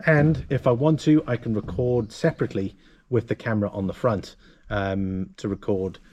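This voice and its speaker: A man presenting a casual gear walkthrough to camera, explaining things in a halting, self-correcting way. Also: fairly low pitch, darkish tone, highs cut off. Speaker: motovlogger and presenter.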